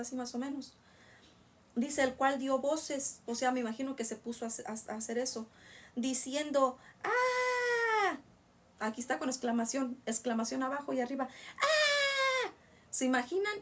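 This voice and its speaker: A woman's voice: sits high, distant mic, a little hiss or hum. A woman reading Bible verses aloud and explaining them to listeners in a casual, rambling way. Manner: reads a verse slowly, then explains it in rambling asides to listeners. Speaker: Bible teacher.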